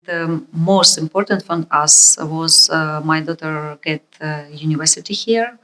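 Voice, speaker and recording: A woman from the former Soviet Union speaking haltingly in an oral history interview. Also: sits low, sharp tone.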